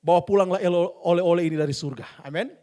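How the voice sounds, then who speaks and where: A male pastor preaching a sermon in a playful, animated way and speaking straight to the congregation in a church. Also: high voice, fast.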